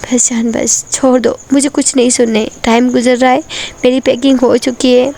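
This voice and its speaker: A woman's voice: high-pitched, little pitch movement, normal speed, warm tone. A woman voicing a heartbroken young woman who pleads tearfully with her lover in a spoken love story. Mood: hurt, pleading.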